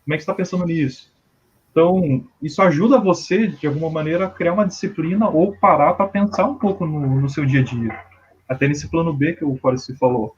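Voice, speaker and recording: A Brazilian man with a Brazilian Portuguese accent, a podcast guest chatting casually and relaxed, often saying "cara". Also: a little high, brisk, slightly rough, highs cut off. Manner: relaxed, filler-heavy, says "cara" often.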